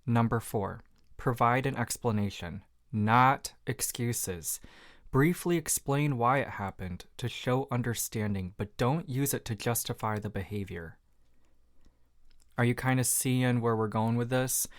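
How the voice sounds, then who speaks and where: Slow, candid podcast host. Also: male voice, mid-range voice, dry recording, studio quality. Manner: reflective, candid, self-deprecating, with frequent fillers. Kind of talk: solo podcast talk.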